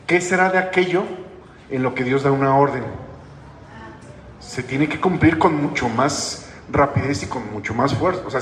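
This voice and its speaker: A man's voice: fairly high pitch, fairly bright tone. A man preaching a sermon as pastor, in a conversational way that keeps asking the congregation questions. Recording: echoey hall with long reverb, faint noise.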